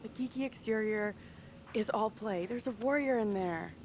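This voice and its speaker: A woman's voice: medium pitch, moderate pace, noisy background, natural voice. An actress playing a sardonic young woman on edge in a horror video game. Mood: teasing.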